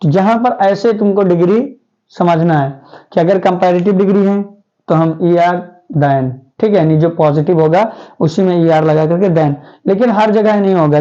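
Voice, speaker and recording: A man's voice: high voice, mellow, lo-fi sound. A male teacher giving a grammar lesson in a classroom. He keeps asking the class questions and then answers them himself.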